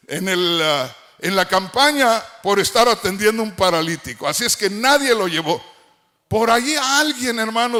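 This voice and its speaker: A middle-aged man preaching a sermon, fervent, at times shouting and half-singing his phrases. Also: high-pitched.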